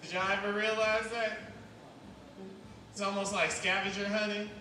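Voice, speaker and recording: A high-pitched man works through a loose, rambling stand-up set, jumping into loud outbursts now and then. He sounds distant from the mic, and his voice rings through a very echoey club. Steady background noise sits under the whole recording. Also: moderate pace. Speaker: stand-up comedian. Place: comedy club stage.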